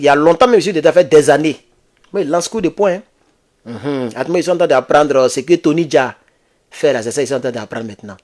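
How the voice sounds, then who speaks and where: A man, talking casually to his viewers in a live political vlog, repeating himself and urging them on. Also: high voice. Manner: exhorting, repetitive, addresses viewers as comrades. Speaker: political video blogger.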